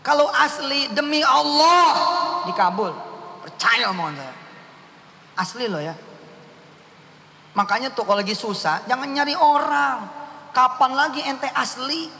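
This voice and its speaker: A man's voice: very high voice, a little slow, creaky, pauses often, sharp tone. A male preacher, giving a playful, teasing sermon in slang, recorded in a hall. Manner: playful, teasing, mixes slang and Quran recitation. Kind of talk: joking sermon. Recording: echoey hall, faint hiss.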